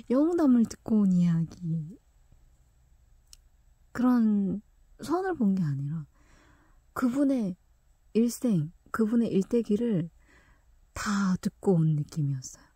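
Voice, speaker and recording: A young woman tells a story from her own life in a casual, chatty way, laughing often and slipping into quiet whispered asides. Her voice is husky and mellow. She is recorded close up in a dry room. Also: medium pitch, lively intonation, a little slow, pauses often, no room sound.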